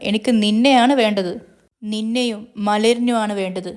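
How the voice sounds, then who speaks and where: A woman's voice: medium pitch, normal speed, darkish tone, natural voice. A woman voicing a male villain who mocks and threatens over the phone. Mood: taunting. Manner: mocking, taunting, threatening. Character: menacing male villain, gloating kidnapper.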